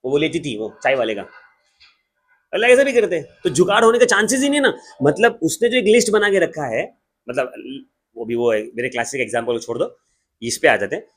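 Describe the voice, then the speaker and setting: A man with an Indian accent teaching an accountancy class in a joking, lively way, slowing down to dictate definitions. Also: fairly high pitch, slightly rough. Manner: lively, joking, switches between Hindi and English, slows down to dictate definitions. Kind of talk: classroom lecture.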